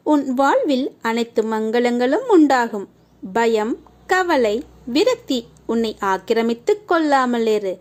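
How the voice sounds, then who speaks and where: Woman reading a soothing spiritual message, high voice that swoops around a lot, gentle and steady. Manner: tender, consoling address to the listener in a deity's first-person voice; steady, reading cadence in long lists of short phrases. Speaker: devotional message narrator. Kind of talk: scripted devotional narration.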